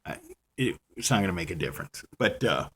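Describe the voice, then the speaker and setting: A man's voice: low-pitched, lively intonation, fast talker, fairly bright tone, breathy edge. A man casually ranting about a TV episode to his viewers, rambling and self-deprecating, with constant "you know"s and restarts. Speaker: vlogger reviewing a TV episode. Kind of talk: casual rant to camera.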